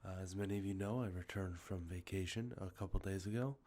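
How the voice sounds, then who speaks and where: A deep-voiced man, stuffed up and sniffly from allergies, runs an ASMR channel and softly presents video games he has collected. He keeps a steady tone at a slightly fast pace, rambling with plenty of ums and uhs and fixing his own words. He's recording outdoors near traffic.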